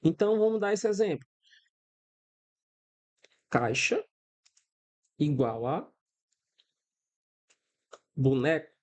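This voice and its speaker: Slightly high, with big pitch swings, he takes it slowly and leaves long pauses. This Brazilian man in his thirties, with a Brazilian Portuguese accent, is a programming instructor giving a screen-recorded coding lesson step by step, checking in with students often and using everyday examples.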